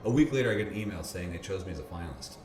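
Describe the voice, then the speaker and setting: A man being interviewed, telling a story casually, animated, laughing often and restarting his sentences. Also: low voice, racing, music in the background. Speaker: bodybuilder interviewee. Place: gym or park. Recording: roomy echo, faint background hum.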